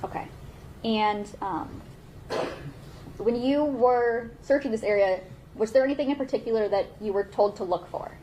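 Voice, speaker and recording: A woman questioning a witness in formal, measured steps, heard from a courtroom recording. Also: a little high, warm tone, a little hiss or hum, poor audio. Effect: played from a courtroom recording.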